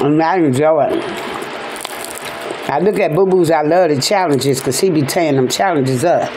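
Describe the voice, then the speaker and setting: A man chatting casually on a mukbang vlog, chewing while talking and speaking between bites in a relaxed way. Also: fairly high pitch, moderate pace. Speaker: mukbang vlogger. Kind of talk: casual chat while eating. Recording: noisy home recording.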